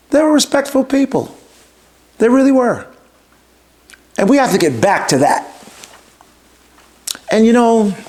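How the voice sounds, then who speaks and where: A man hosting his show, giving an emphatic opinion monologue, repeating himself for stress and firing rhetorical questions at his listeners. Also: high-pitched. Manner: talks straight to the audience with rhetorical questions. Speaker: podcast host.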